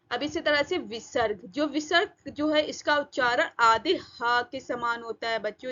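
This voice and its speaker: A woman teaching a Hindi grammar lesson for exam preparation. She asks questions and answers them herself, and repeats example words slowly. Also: a little high, fairly bright tone, muffled recording. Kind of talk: online exam-prep lesson.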